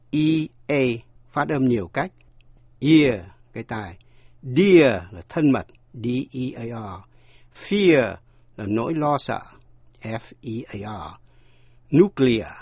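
Male teacher, husky, unhurried, spells words letter by letter, dry close sound. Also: mid-range voice, a little mellow, dry recording. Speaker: English teacher. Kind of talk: scripted pronunciation lesson.

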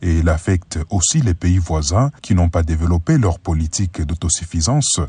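A male reporter with a very low, husky voice narrates a news story in a measured, steady way. His tone is dark and mellow. The recording is dry and close. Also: dry recording. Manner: measured, even news delivery.

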